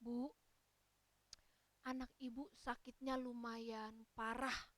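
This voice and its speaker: A woman voicing a calm, gentle doctor who speaks slowly and soothingly, in a children's Sunday school story. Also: on the high side, no room sound, pitched below the performer's own voice. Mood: grave. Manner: slow, soothing delivery.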